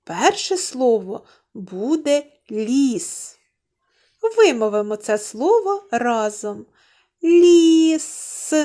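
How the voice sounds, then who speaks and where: A kindergarten teacher gives a slow, clearly enunciated lesson to young children, stretching out her words in a sing-song manner and asking them questions. Her voice sits on the high side, very animated yet a little mellow, and she speaks at a slow pace.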